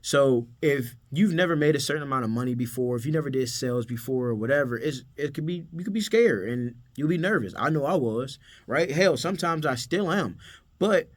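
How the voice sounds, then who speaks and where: A man's voice: mid-range voice, animated, a little fast. A man giving a casual, emphatic motivational business talk, speaking slangy and calling the viewer bro. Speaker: photo booth business owner and coach.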